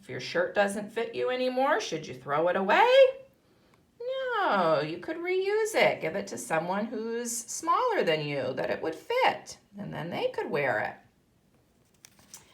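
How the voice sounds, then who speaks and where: An American kindergarten teacher with a mid-range voice and wildly swooping pitch takes her time. Leading a read-aloud lesson for young children, she's instructive, posing questions and answering them herself.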